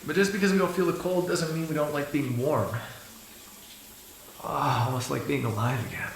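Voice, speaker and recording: A man plays a cynical, ageless vampire, menacing but grudgingly fond of his captive, in a one-sided dramatic ASMR roleplay full of drawling, swearing, and exasperated sardonic asides. The voice is gravelly, husky, medium-pitched and a bit bright, with a weary, wry mood. The audio is poor, with slight background noise.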